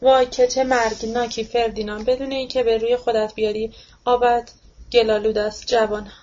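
A theatrical older man in full declamatory rage, throwing accusations and lofty insults, as a woman reading a novel puts him on. The voice sits fairly high and moves in a narrow, insistent band. The recording is dull and lo-fi. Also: little pitch movement, a little mellow, natural voice. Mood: accusing.

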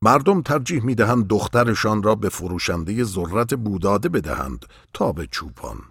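Wise old sage for a storybook reading, a man reading him: deep, husky, patient and instructive, with a lively lilt. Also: dry recording, clean studio sound, heavily acted. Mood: explaining. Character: wise old king, calm and mysterious.

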